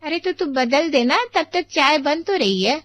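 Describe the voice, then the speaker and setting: Woman as a fussing mother, bright tense voice, fairly high, scolding, storybook acting. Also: animated, moderate pace, no room sound. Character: middle-aged mother, fondly scolding.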